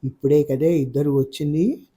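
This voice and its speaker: A man's voice: fairly high pitch, fairly even intonation, normal speed, dark tone, slightly rough. A man voicing a middle-aged mother who grumbles and frets anxiously about her daughters.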